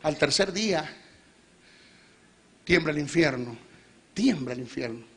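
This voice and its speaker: A middle-aged Venezuelan man preaching a sermon in church, emphatic and rising to loud peaks, asking the congregation questions. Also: a little high, animated, measured pace, breathy edge. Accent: Venezuelan Spanish.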